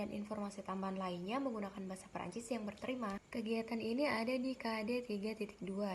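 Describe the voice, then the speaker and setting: A woman's voice: mid-range voice, vocal fry, a little hiss or hum. A young woman presenting a course assignment, explaining a grading rubric in a chatty, slangy, upbeat way. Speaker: graduate student presenting an assignment. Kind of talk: casual explanatory lesson.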